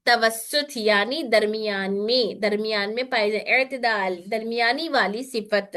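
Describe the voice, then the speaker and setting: A woman teaching Quran recitation in an online lesson, explaining slowly and carefully and repeating single sounds as examples. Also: fairly high pitch, fairly bright tone.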